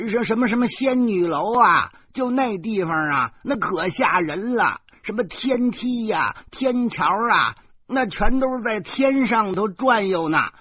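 A man voicing a fussy, scolding elderly mother in an audiobook, emphatic and loud. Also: sits high, breathy edge, no echo, dull audio, pitched above the performer's own voice, exaggerated voice. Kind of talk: audiobook character voice.

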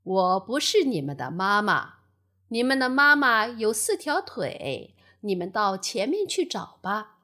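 A woman voicing a big, friendly fish who answers in a lower, good-humoured voice. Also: very animated, unhurried, sharp tone, exaggerated voice. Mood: amused.

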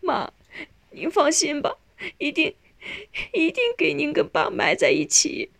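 A woman's voice: wildly swooping pitch, unhurried, vocal fry, fairly bright tone, dry recording, full character voice. A woman voicing an anxious grown daughter who pleads with her dying mother in an audiobook. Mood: pleading. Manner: high pleading calls.

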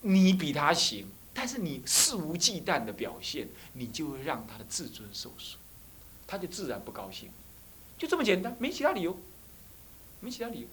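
Animated monk, bright voice. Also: male voice, on the high side, moderate pace, slight background noise. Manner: animated storyteller who acts out dialogue. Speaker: Buddhist abbot teaching monastics. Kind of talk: dharma class with personal storytelling.

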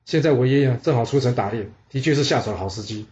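A man's voice: medium pitch, fast, darkish tone, highs cut off, close to an everyday voice. A man voicing a clever young noble wife in a storytelling recording, coaxing and persuasive. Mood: scheming.

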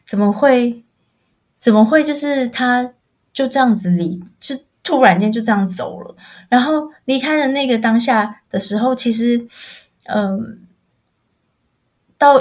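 A woman telling a personal story on a podcast over an online call, halting, repeating words as she searches for them. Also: a little high. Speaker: podcast co-host.

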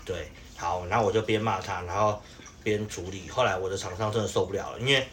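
A man's voice: low voice, fairly even intonation, quick pace, fairly bright tone, a little hiss or hum. A young man, telling an exasperated work story in casual podcast chat, full of fillers. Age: young adult.

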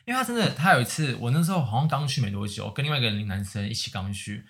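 A man, co-hosting a podcast and telling stories in a casual, animated way with many restarts. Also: medium pitch, rapid-fire, gravelly. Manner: animated, restless storytelling with repeated restarts. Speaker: podcast co-host. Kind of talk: casual chat, storytelling.

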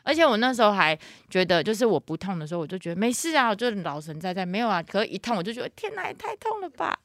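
A woman in her thirties chatting casually on a podcast, telling a lively story and acting out the lines of other people. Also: mid-range voice, racing, dry recording, clean studio sound. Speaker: guest mother.

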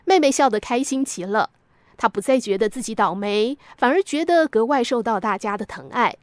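A woman narrating a scripted story for a podcast in a gentle, reflective way. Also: on the high side, lively intonation, normal speed, dry recording.

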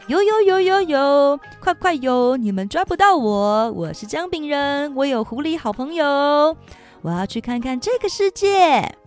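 A cheeky little gingerbread man from a children's storybook, pitched way up and bouncing through his taunting sing-song chant, voiced by a woman. He is full of swagger, and his lines rise and fall in big playful leaps. A bit of soft music plays under him. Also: big pitch swings, moderate pace, few pauses, heavily acted. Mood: gleeful.

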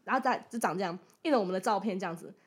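A woman's voice: mid-range voice, rapid-fire, slightly rough. A young woman, co-hosting a casual podcast and telling a story with swearing, laughter and acted-out quotes. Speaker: podcast co-host. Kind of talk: casual chat.

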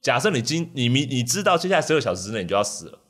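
A man's voice: medium pitch, very animated, racing, fairly bright tone. A man with a Taiwanese Mandarin accent hosting a podcast in casual comedic chat, teasing and laughing often. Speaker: podcast host.

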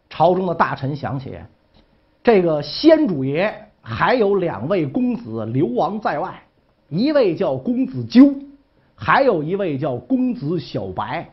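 Male storyteller, lively pitch, husky tone, lo-fi. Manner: colloquial, joking, keeps asking 'right?'. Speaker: history storyteller. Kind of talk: casual storytelling.

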